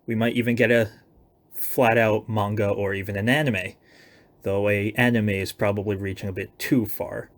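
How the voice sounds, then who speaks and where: A young adult man casually announces his own writing projects in a loosely planned way, adding self-deprecating, hedging asides. His voice is fairly low and flat, at a moderate pace.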